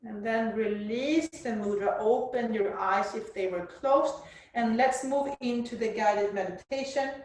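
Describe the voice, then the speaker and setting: Slow, soothing woman guiding meditation. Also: a little high. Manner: soothing, gentle delivery with spacious phrasing. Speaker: yoga and meditation instructor. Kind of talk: guided yoga and meditation instruction. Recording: roomy, echoing space.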